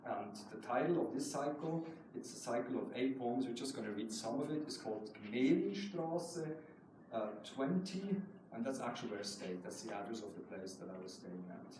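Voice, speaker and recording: A guest poet from Switzerland presents his work at a live reading, adding informal remarks between poems. His voice is medium-pitched and animated, at a moderate pace. Recorded far from the mic in a reverberant hall, he sounds very echoey, distant and noisy.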